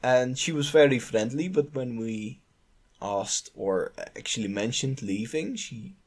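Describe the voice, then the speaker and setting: A man's voice: mid-range voice, animated, measured pace. A man co-hosting a tabletop gaming podcast, talking hesitantly, often stumbling and repeating words. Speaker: podcast co-host and player. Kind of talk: casual podcast chat.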